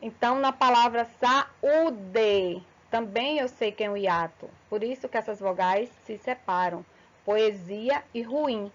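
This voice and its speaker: A woman's voice: on the high side, normal speed, few pauses, highs cut off. A woman teacher giving an online grammar lesson, explaining step by step and often checking in with short tag questions. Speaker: Portuguese teacher.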